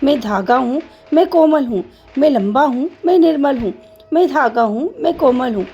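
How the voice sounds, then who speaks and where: A woman's voice: sits high, expressive, normal speed, dark tone, highs cut off, faint music behind. A woman voicing a proud, boastful boy who is a sewing thread in a children's story, bragging in a singsong way. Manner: boastful, singsong self-praise.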